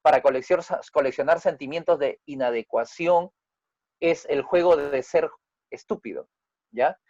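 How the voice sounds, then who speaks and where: A man speaks at a measured pace in a slightly mellow voice, captured in a dry, muffled recording. He's a family therapist leading a group lesson, explaining things step by step and often checking in with his listeners. When he quotes dialogue, he acts it out with a raised pitch and louder volume.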